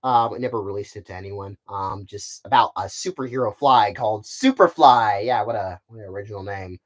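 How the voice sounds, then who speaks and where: A man's voice: on the low side, brisk. A man chatting casually on a live stream, rambling with many stammering restarts. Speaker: puppet channel creator.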